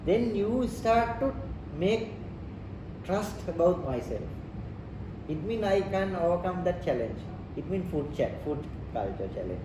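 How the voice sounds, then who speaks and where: A man with a Sri Lankan accent explains things step by step in simple non-native English, circling back over his phrases. His voice sits a little high for a man. It is picked up from some distance in a roomy space with clear background noise. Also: very animated, a little slow. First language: not English. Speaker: interviewee explaining leadership and culture. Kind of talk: informal explanatory teaching talk.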